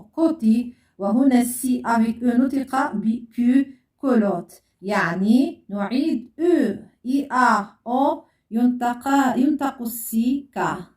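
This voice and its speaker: Slow, patient woman teaching. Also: on the high side, darkish tone. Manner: patient, repeats and spells out sounds for pupils. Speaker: French teacher. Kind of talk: classroom lesson. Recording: echoey room, voice far from mic.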